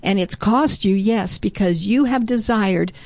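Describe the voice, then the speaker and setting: A woman's voice: mid-range voice, a little slow, a little mellow, dry recording. A woman preaching a sermon earnestly, often breaking in with "oh" as she speaks.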